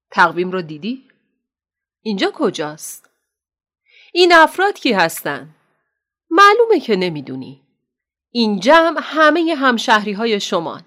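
A woman's voice: fairly high pitch, a bit bright. A woman voicing a composed, firm woman doctor addressing a hall. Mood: stern.

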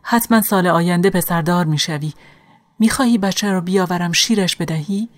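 A kindly sixty-year-old woman speaks in a soft, consoling, motherly way, voiced by a woman reading an audiobook. Her voice sits slightly low and is recorded close, with no room around it. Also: dry recording, lightly acted. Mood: tender.

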